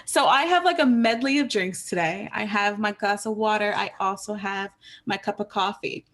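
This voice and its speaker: A young adult woman co-hosting a podcast in casual chat, playful and quick to giggle. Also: mid-range voice, a bit bright. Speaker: podcast co-host.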